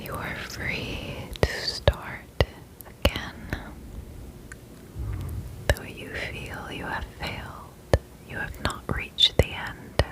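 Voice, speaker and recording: A woman giving an ASMR pep talk in whispers, soothingly repeating gentle affirmations. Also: poor audio. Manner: soothing, slow, repeats phrases. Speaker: ASMR host.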